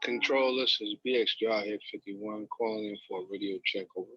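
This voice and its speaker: A man's voice: on the low side, fairly even intonation, brisk, slight background noise. A man calling in to a radio net for a check-in, heard over a two-way radio link and using terse radio procedure speech. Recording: dry lo-fi radio audio.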